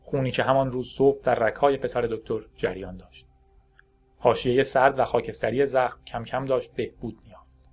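A man narrating a story in a steady, measured audiobook style. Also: mid-range voice. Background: faint background music.

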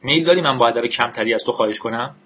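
A man's voice: mid-range voice, highs cut off, slight background noise, close to an everyday voice. A man voicing a sarcastic, bullying male federal agent with a menacing edge. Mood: sneering.

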